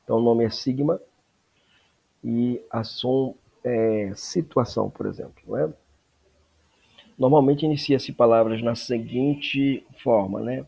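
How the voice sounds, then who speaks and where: Man, teacher, classroom lesson, husky, explains step by step. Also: mid-range voice, warm tone. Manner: explains slowly with frequent "né?" tag questions. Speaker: Greek teacher.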